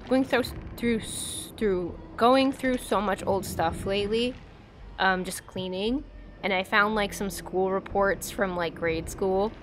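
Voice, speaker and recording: There's a little hiss or hum as a young woman streamer, American-accented and from the East Coast, chats and giggles with viewers during a game livestream. She speaks slowly in a mid-range voice, dropping in many fillers.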